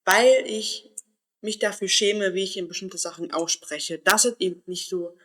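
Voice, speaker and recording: In a reflective personal monologue, a German vlogger from around Berlin thinks out loud and hunts for the right words. He has a high, fairly bright voice and talks at a normal speed.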